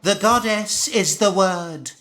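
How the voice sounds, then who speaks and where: A man's voice: sits high, slow, bright, forceful tone, heavily acted. A man playing a zealous cult priest in a video game, preaching solemnly in grandiose, archaic phrases. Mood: ceremonial. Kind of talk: theatrical video game acting.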